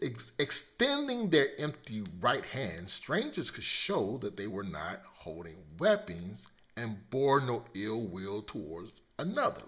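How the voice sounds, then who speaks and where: Profane, rambling man with a sore throat. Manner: profane, rambling, swings between loud bursts and low mutters. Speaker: podcast host. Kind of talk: casual solo rant.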